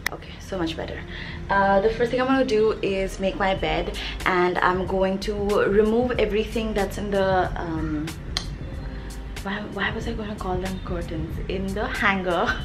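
A woman's voice: medium pitch, normal speed, music in the background. A young woman vlogging casually from her bedroom, groggy from just waking up and rambling with fillers. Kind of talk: casual chat. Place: bedroom at home.

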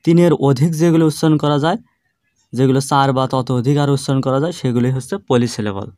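A man teaching an online grammar lesson, explaining patiently and drawing words out slowly, syllable by syllable. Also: medium pitch, steady tone, a little mellow, dry recording. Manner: slow, drawn-out syllable-by-syllable demonstrations; patient, explanatory classroom delivery.

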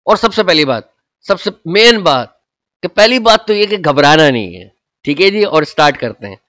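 A young man walks through a software lesson in an easygoing, chatty tutorial voice. His voice sits fairly high. The sound is dry and close. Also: dry recording. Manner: chatty, repeats "ठीक है" and "जनाब" often. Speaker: Photoshop instructor. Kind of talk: casual tutorial with screen walkthrough.

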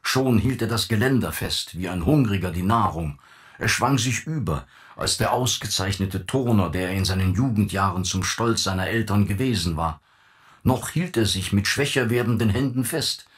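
A man narrating a classic story as an audiobook in a measured, even way. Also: lowish voice. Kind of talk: scripted literary narration.

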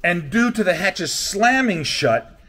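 A man's voice: high voice, sing-song, takes it slowly, sharp tone. Plainspoken older man explaining repairs. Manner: plainspoken, matter-of-fact explaining. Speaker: boat restoration vlogger. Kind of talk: DIY how-to narration. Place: indoor workshop.

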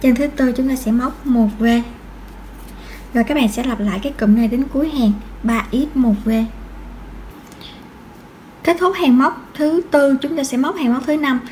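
A high-pitched woman talks through a crochet tutorial. She is patient and counts each stitch aloud. A faint hiss sits behind her voice. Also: normal speed, pauses often, darkish tone. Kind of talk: step-by-step crochet instruction.

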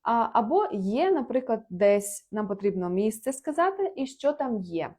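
A woman giving a casual online Portuguese lesson in Ukrainian, reading out example phrases slowly and then translating each one. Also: a little high, big pitch swings, dark tone. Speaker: Portuguese language teacher.

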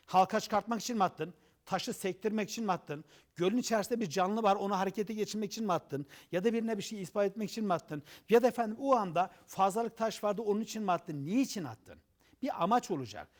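A man hosting a TV program on education, lecturing with strings of rhetorical questions. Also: sits high. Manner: lively, rhetorical questions in long runs. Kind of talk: motivational lecture on TV.

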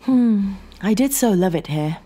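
A woman voicing a soft-spoken, eerily calm estranged wife in a horror story, sweetly menacing. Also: medium pitch, normal speed, husky, voice pushed up.

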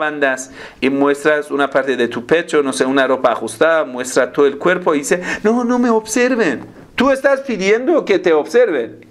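A man giving a religious talk as a preacher, often asking listeners if they follow him. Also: medium pitch. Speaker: Islamic preacher.

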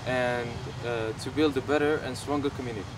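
Teen boy, from Algeria, halting speech, mic set back, traffic noise outside. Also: medium pitch, steady tone. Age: teens. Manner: hesitant, many pauses. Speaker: student interviewee. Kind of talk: interview to camera. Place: outdoors under a pergola. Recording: distant mic with outdoor noise.

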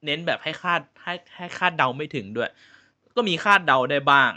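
A man's voice: on the high side, brisk, sharp tone. A man giving a casual spoken review on his channel, ranting with exasperated rhetorical questions in loose, slangy talk. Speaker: vlogger reviewing a series.

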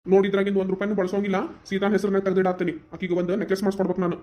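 A voice actor playing a soft-hearted older village father in a family cartoon, speaking North Karnataka Kannada in a rapid, affectionate, reassuring way. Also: mid-range voice, level tone, close to an everyday voice. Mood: explaining, caring.

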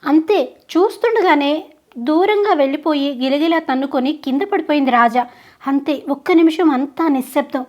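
A woman narrating a story in a plain, steady storytelling manner. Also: high-pitched, moderate pace.

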